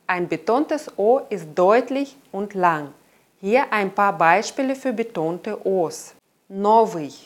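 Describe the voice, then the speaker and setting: A woman giving a careful, clearly enunciated lesson as a language teacher in scripted narration. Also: medium pitch.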